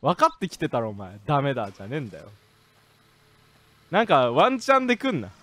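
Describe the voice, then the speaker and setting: A man streaming a game, commenting excitedly, jumping from low mutters to rough joking shouts at the characters. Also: fast, no echo. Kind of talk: gaming live-stream commentary.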